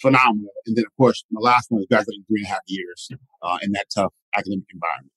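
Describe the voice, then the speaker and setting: Middle-aged male guest, quick animated storyteller, dry close sound. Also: lowish voice, husky, no room sound, poor audio. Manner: animated, repeats "right?" often. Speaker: guest, motivational speaker. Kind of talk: storytelling interview.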